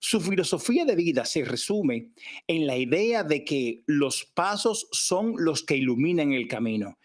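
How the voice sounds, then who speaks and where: A man hosting an interview podcast, introducing his guest in a friendly, grateful way. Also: a little high. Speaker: podcast host. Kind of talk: casual interview.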